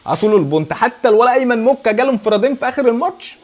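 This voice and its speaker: A man with an Egyptian accent reacting live to a football match, with a rapid, exasperated running reaction and repeated urgings. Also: very high-pitched, animated, darkish tone.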